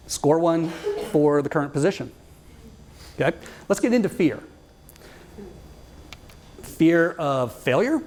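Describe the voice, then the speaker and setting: A man's voice: on the high side, a little mellow. A man in his fifties giving a wry, conversational storytelling talk to a live audience and putting questions to the crowd. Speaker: guest speaker.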